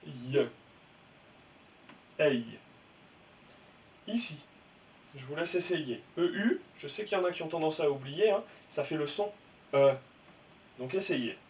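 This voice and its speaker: A man teaching young children to read, slightly high-voiced and very slow, spelling out each letter and sound with patient care. He sounds a little back from the mic, with a faint room hum behind him. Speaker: primary school teacher. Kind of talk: reading lesson for young children. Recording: voice from some distance, faint room noise.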